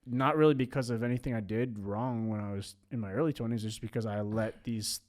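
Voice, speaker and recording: A man's voice: lowish voice, a little fast, a little mellow. A man in his late twenties in a casual podcast chat. He rambles, full of "like" and restarts. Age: 20s.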